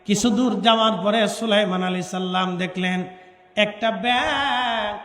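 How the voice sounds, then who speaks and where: A man preaching an impassioned sermon, shouting and chanting as he calls on the crowd to answer back. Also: high voice, a little slow. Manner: fiery, shouting, chanting call-and-response with crowd. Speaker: Islamic preacher. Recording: echoey hall with long reverb.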